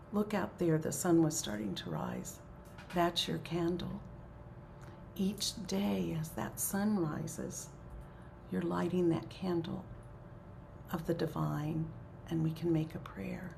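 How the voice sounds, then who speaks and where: A woman leading a prayer circle, speaking gently in a soft, often half-whispered way during a spiritual talk and prayer. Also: low-pitched, gravelly, a little hiss or hum.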